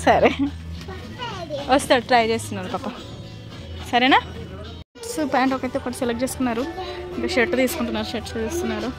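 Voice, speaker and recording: A woman's voice: on the high side, fast talker, long pauses. A young mother, chatting to camera and coaxing and fussing over her small son. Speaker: mother vlogging a family outing. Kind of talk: casual family vlog. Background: background music.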